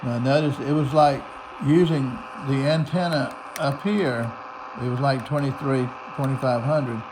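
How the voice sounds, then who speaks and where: An American man, a radio hobbyist, walks through a receiver demo in a casual, unscripted tutorial, narrating each step. His voice is medium-pitched with fairly even intonation and a slightly slow pace. Shortwave static and a noisy broadcast hiss behind him.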